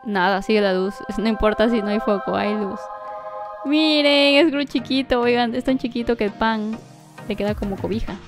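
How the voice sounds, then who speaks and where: Excitable woman streamer. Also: a little high, moderate pace, music in the background. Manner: excitable, shrieks and gasps, talks straight to viewers. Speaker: gaming streamer. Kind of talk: let's-play commentary.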